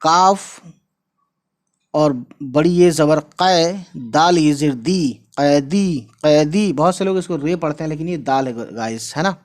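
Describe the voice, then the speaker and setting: A man teaching a casual online language lesson, drawing out words slowly and often checking in with his listeners. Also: on the high side. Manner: repeats words slowly, drawn out for pronunciation; chatty, checks in with "right?" and "guys". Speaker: Urdu teacher.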